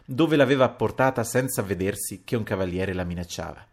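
A man with a low, deep voice narrates a classic novel aloud. His reading is measured and expressive, in audiobook style.

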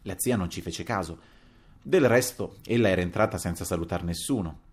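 A man narrating a novel as an audiobook, in an expressive, dramatic reading. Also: deep voice, brisk. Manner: expressive, dramatic reading with wide swings in loudness.

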